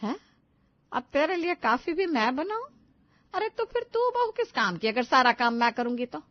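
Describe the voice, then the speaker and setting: Woman voicing a shrill scolding mother-in-law. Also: very animated, moderate pace, dry recording. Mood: indignant. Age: older. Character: nagging older mother-in-law, loud and bossy. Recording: dull lo-fi dry recording.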